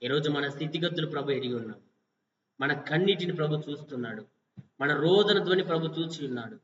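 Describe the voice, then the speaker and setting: A man preaching a fasting-prayer sermon, firing repetitive rhetorical questions at listeners and swinging between loud exhortation and quiet passages. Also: a little high, slight background noise. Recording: distant, echoey, dull lo-fi.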